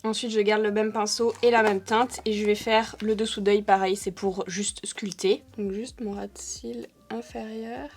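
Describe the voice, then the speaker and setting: A woman's voice: mid-range voice, little pitch movement, moderate pace, hardly any pauses. A young woman talking through a makeup tutorial in a chatty, thinking-aloud way, with frequent hesitations. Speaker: beauty vlogger.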